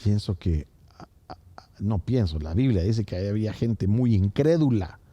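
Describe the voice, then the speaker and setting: A male pastor preaching a sermon, swinging from raised proclamation to hushed, near-whispered passages and speaking directly to his listeners as brothers. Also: fairly low pitch, lively intonation, normal speed, no room sound, muffled recording.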